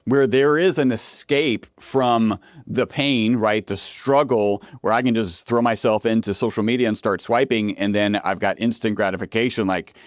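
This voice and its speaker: Man, podcast host, lowish voice, rambling questions, thinks aloud, dry close sound. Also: fairly even intonation, normal speed, hardly any pauses, no echo. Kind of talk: casual interview talk.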